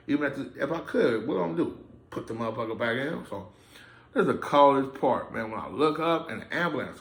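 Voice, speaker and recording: A man with a medium-pitched, slightly bright voice tells a personal story to his camera, cursing freely in a blunt, streetwise style. He's filming himself under lights in an indoor room, and the camera mic gives a reverberant sound.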